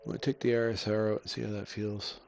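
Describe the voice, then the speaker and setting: Gravelly low-voiced man over engine noise. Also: flat delivery, fast talker. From Canada. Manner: muttering to himself while driving. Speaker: sim racing gamer. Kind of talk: casual gameplay commentary. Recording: loud racing game engine noise behind. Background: car engine sounds from the game.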